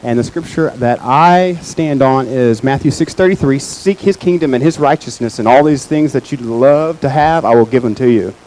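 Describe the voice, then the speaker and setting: Loud, earnest man in his thirties. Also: mid-range voice, normal speed, few pauses, low-quality recording. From Texas. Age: 30s.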